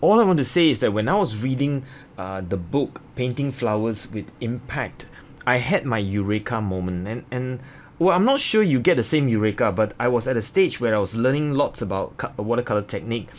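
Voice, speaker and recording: A man's voice: mid-range voice, expressive, fairly quick, a little hiss or hum. A man giving a casual watercolor tutorial as an art instructor, explaining in an informal, hesitant, meandering way.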